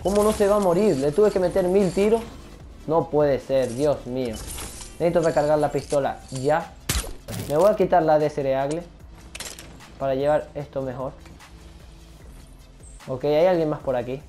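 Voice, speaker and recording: Gamer guy commentating his match, mellow darkish voice, keeps blurting curses and english slang. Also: fairly high pitch, normal speed, long pauses, soft background music. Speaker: gaming channel host. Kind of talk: live gameplay commentary.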